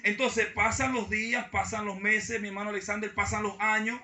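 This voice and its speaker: A man preaches to his congregation, his very high and bright voice calling to them again and again. He stands well back from the mic, and the church hall rings around him. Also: flat delivery, normal speed. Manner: preaching with repeated call-outs to the congregation. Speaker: pastor. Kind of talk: sermon. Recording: echoey church hall from far off.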